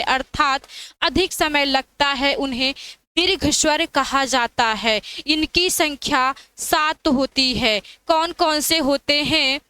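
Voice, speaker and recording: Woman teacher, high voice, slow dictation pace, repeats each phrase, quizzes herself. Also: bright, forceful tone, low-quality recording. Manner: repeats phrases for students to copy, asks and answers own questions. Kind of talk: classroom lecture, dictating slowly.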